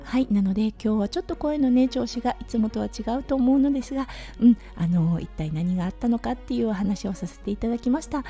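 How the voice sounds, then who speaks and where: A hoarse woman hosts a casual audio diary over clear background music. Her voice is husky and slightly raspy, fairly high yet very soft and dark in tone. She tells things in a chatty, gentle way. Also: fast, hardly any pauses. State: hoarse from overuse, sore throat. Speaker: podcast host, anaesthetic nurse.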